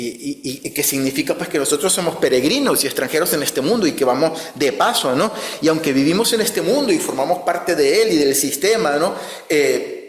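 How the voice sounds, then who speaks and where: A man preaching a conversational sermon, often ending his phrases with a questioning tag. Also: fairly high pitch. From outside Spain. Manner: frequent "¿no?" tag questions, restarts. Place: church hall. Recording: echoey church hall.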